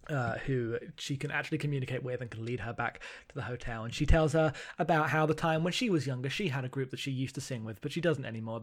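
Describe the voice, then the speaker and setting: A man co-hosting a podcast, casually recapping an anime movie in a rambling, amused way with lots of fillers. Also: mid-range voice. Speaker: podcast co-host.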